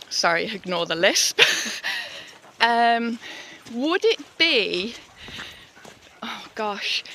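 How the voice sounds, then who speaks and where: A chatty woman talks to the camera outdoors on a soggy mountain trail, unhurried and fond of a laugh at herself. Her voice sits a little high and comes across bright and forward, with faint open-air sound behind her. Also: a little hiss or hum. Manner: chatty, self-deprecating, laughs often. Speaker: vlogger. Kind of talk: casual solo hiking vlog. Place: outdoors on a wet mountain path.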